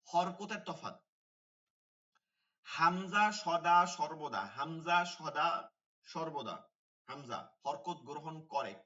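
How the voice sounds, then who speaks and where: A man leads an online Quran lesson, going over every key term more than once and asking his students questions as he proceeds. His voice is a little high, bright and sharp, but the sound comes across dull and somewhat distant from the microphone.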